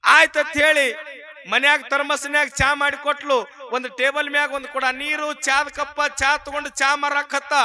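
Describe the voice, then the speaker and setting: A man preaching, his voice very high and strikingly bright. He tells a story in a humorous sermon and turns to speak straight to his audience. His delivery is lively throughout. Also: moderate pace.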